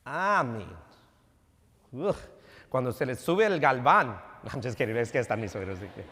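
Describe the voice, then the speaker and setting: A pastor in his thirties preaches a sermon in a church sanctuary, telling family stories and switching between Spanish and English. His medium-pitched voice is animated and sharp at a moderate pace, and the church hall adds long reverb.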